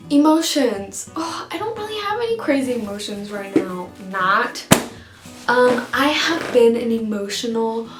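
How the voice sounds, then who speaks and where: A woman's voice: on the high side, reverberant. A young woman vlogging casually to camera, rambling and giggly, close to tears as she talks. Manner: rambling, giggly, emotional, many fillers. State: teary, on the verge of crying.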